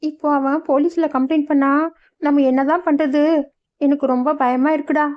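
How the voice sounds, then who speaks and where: A woman voicing a scolding old village mother in a cartoon story, with a shrill, anxious manner. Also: steady tone, moderate pace, close to an everyday voice. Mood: frightened. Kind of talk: cartoon voice acting. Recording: dull lo-fi sound.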